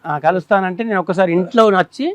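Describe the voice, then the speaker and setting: A man's voice: high voice, quick pace, dry recording. A man in his thirties telling a studio panel about trouble with his wife, pleading, rambling and repeating himself. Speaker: complaining husband. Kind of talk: pleading account on a family-dispute show.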